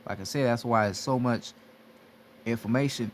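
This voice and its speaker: The mid-range male voice moves at a normal pace, with slight hiss or hum behind it. A spiritual teacher in a casual monologue, he is blunt, repetitive and heavily profane as he urges his listeners to wake up.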